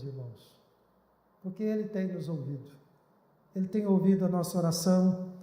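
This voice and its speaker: A man with a high, slightly mellow voice preaches a sermon as a pastor, pleading earnestly. The recording was made in a church hall and has an echoey sound.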